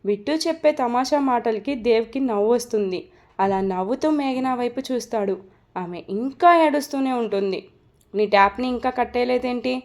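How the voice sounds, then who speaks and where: A woman narrating a romantic story, reading in a steady, expressive way. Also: fairly high pitch, normal speed.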